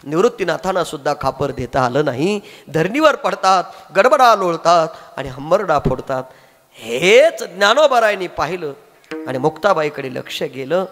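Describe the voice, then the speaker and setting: Man preaching a kirtan, really animated and high, big echoey hall, music faint behind. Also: normal speed. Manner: emotional, dramatic storytelling. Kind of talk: devotional sermon storytelling.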